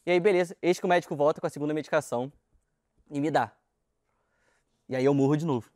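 Casting: young Rio man, high voice, quick slangy storyteller, laughs through his lines, dry close sound. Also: no room sound. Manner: animated slangy storytelling, laughing while talking. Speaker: guest storyteller. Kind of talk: casual anecdote on a talk show.

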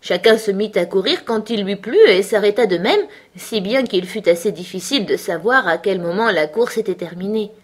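A woman narrating a children's storybook in an expressive way. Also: mid-range voice, moderate pace.

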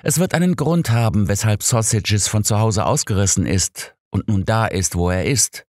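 A man's voice: fairly low pitch, moderate pace, a little mellow, no room sound, studio quality, pitched above the performer's own voice, natural voice. A man voicing a stubborn, easily offended older doctor in an audiobook, speaking with indignation. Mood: huffy. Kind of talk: audiobook character dialogue.

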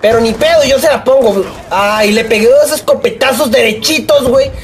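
Profane Mexican man yelling at a shooter game. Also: very high-pitched, moderate pace, a little hiss or hum. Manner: profane, excitable, yells at opponents; rambling jokey asides. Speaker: gaming YouTuber. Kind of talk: live gameplay commentary.

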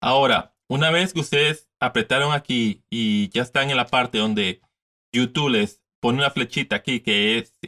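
A man's voice: medium pitch, normal speed, bright, forceful tone. A man in his thirties giving a casual step-by-step screen tutorial from his desk, repeating steps and mixing in English words. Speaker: tutorial host.

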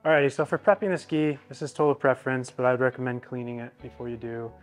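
A man's voice: mid-range voice, fast talker, soft background music. Casual young man explaining an install. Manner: relaxed, explanatory, many fillers. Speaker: product installer. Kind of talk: casual how-to walkthrough. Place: indoor garage.

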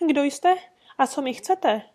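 A woman's voice: high-pitched, voice pushed up. A woman reading an audiobook, voicing a timid, frightened little rat-faced man who pleads in a trembling voice.

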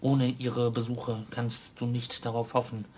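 A man reading the part of a chained ghost of an old miser, speaking in a solemn, slow, mournful way. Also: mid-range voice, level tone, darkish tone, slight background noise, lightly acted. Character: ghost of an old male miser, grave, sorrowful, bound in chains.

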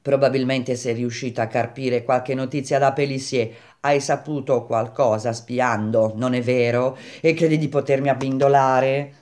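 A man's voice: medium pitch, steady tone, normal speed, few pauses, a little mellow, natural voice. A man reading a novel aloud, voicing an aging, blustering male perfumer who mocks and lectures. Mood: scornful. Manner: mocking, bellowing.

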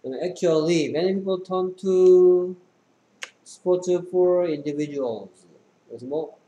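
A man's voice: high-pitched, very slow, dark tone, highs cut off. A man tutoring English, reading sentences aloud and quizzing his student with short questions. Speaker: English teacher. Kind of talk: tutoring lesson, reading and explaining English text. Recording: echoey room with faint background noise.

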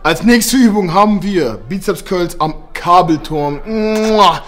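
A young man talking fast and loud through his gym session, voice sitting fairly high and swinging wildly up and down. He jokes and barks coaching lines like a hype man, caught on the camera mic in a big indoor gym with faint music underneath. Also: lively intonation. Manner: loud, joking, pumped-up coaching. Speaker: fitness vlogger. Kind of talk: hyped workout vlog talk.

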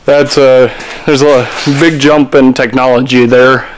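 A man's voice: mid-range voice, level tone, a little slow, slight background noise, rough recording. A young man on his farm, talking easygoing into a camera he holds at arm's length, thinking aloud with fillers. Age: young adult. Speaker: farm vlogger. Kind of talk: casual vlog narration. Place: tractor cab, outdoors on farm and machine shed.

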